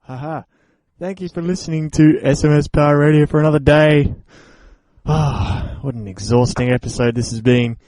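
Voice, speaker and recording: A man's voice: a little high, fairly even intonation, moderate pace, a little mellow, no room sound. A man hosting an online radio show, signing off in a playful, rambling, joking way. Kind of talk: casual show sign-off chat.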